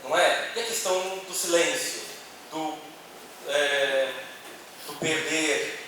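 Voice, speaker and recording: A man's voice: a little high, slow, sharp tone, recorded from a distance. A man with a Brazilian accent giving a conversational church talk to an audience, with many tag questions. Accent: Brazilian Portuguese. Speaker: speaker on a church panel. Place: meeting hall with an audience. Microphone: handheld microphone. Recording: echoey hall, voice from off-mic, noisy.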